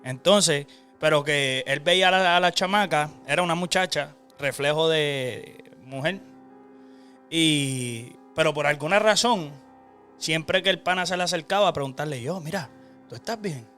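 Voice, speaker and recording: A man's voice: on the high side, a little slow, bright, forceful tone, faint music behind. A young Puerto Rican man hosting a casual chat, rambling through a spooky tale with restarts and laughs. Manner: rambling, many restarts and fillers, laughing often. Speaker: host.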